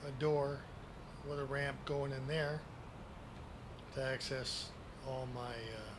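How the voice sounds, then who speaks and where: A man's voice: medium pitch, steady tone, slow. Folksy grandpa type guy in his 60s, takes his time talking, casual game tour, noticeable background noise. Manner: grandpa-like, folksy, plain-spoken. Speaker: gaming video creator giving a base tour. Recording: clearly noisy home recording.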